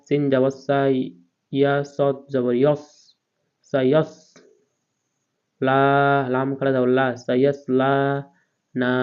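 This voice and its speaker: A man teaching Quran reading moves letter by letter through each verse, naming every vowel mark before he stretches the recited words. His voice stays level and unhurried throughout. The recording sounds somewhat muffled and lo-fi. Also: mid-range voice, a little mellow, clear, resonant tone.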